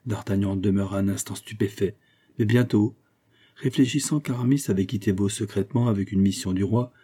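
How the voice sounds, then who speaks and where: A male audiobook narrator reads a classic novel in a measured, even manner. His voice sits low and dark, with a husky edge.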